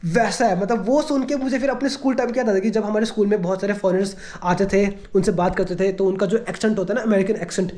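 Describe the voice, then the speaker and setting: A man's voice: sits high, steady tone, fast talker, few pauses, a little mellow. A man from India chatting casually in a home vlog, rambling and leaning on a habitual filler phrase. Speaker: vlogger.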